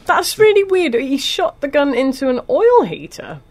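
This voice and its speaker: A woman's voice: high-pitched, wildly swooping pitch, moderate pace. A woman in casual banter, making dry, teasing remarks.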